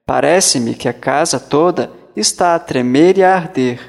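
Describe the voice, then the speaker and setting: A man's voice: fairly high pitch, moderate pace, vocal fry, big-room sound. A man voicing a frightened, guilty mother who speaks fearfully. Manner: fearful pleading.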